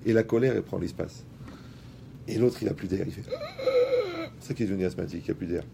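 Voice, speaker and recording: A man giving a lively talk to an audience. He speaks colloquially, addresses the listeners directly and uses everyday examples. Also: sits low, fast talker, vocal fry, noisy background.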